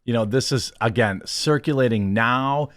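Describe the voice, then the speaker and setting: A man hosting a show, giving casual reaction commentary in a rambling, halting, conversational way. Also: mid-range voice, dry recording, studio quality.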